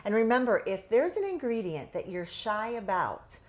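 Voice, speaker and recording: An enthusiastic woman hosting a cooking show, speaking at a middling pitch. She gushes over the food in a loose, chatty way, full of fillers and restarts. She is recorded in a restaurant kitchen. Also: big pitch swings, moderate pace. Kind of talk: casual chat.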